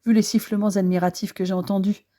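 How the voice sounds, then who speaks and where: A woman's voice: mid-range voice, level tone, fast talker, dark tone, natural voice. A woman voicing a knowing, teasing mother greeting a young neighbour.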